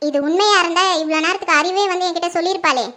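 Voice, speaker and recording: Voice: very high-pitched, racing, pushed and bright. A performer in a home-made family skit, playing a middle-aged mother who sharply accuses her daughter. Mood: angry, accusing. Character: furious middle-aged mother, suspicious and scolding.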